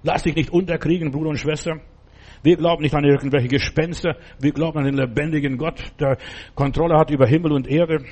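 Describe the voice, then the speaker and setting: Husky older man preaching. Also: on the high side, brisk. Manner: exhorting, animated storytelling. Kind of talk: sermon.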